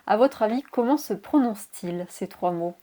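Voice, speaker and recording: A woman's voice: mid-range voice, animated, moderate pace, warm tone. Woman teaching English pronunciation. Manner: clear teacherly explanation, spells words out letter by letter. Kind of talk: video lesson.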